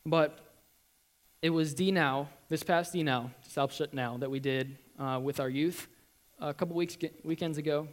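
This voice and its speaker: Young guy giving his church testimony, kinda high voice, lots of ums and starting over, real earnest. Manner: earnest, halting, many ums and restarts.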